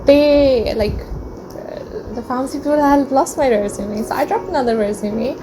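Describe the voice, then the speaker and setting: A young adult woman vlogger with a high-pitched voice speaks at a moderate pace, telling a personal story to the camera in chatty English, which isn't her first language. She fills it with lots of ums and uhs. She's in a small room, and there's noise in the background.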